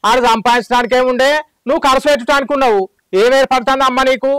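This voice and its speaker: A man playing a shrill scolding old mother-in-law. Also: fairly even intonation, quick pace, a bit bright. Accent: Telangana Telugu. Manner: scolding, taunting, insulting. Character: sharp-tongued old village mother-in-law. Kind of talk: village comedy skit acting.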